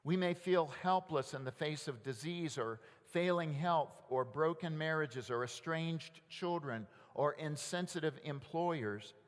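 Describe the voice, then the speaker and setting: A man preaching a sermon as pastor, asking rhetorical questions and leading the congregation in call-and-response, often dropping soft and low. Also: measured pace, hardly any pauses. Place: large church sanctuary. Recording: long church reverb.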